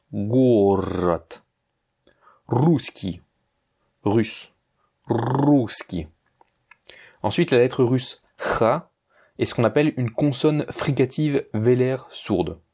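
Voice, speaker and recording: A man giving a casual pronunciation lesson, speaking slowly and repeating words carefully, addressing the listener informally. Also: mid-range voice, darkish tone. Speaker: language teacher.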